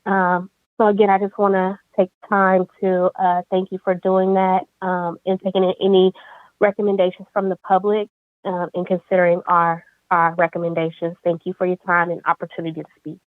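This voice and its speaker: A polite woman from California calls in and speaks in a measured way. Her voice stays level and even, coming through a thin, dry phone line. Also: fairly low pitch, no echo. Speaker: public comment caller.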